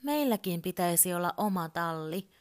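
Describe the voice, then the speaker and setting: A woman's voice: fairly low pitch, animated, natural voice. A woman voicing an eager, curious young male toy bear who keeps asking why.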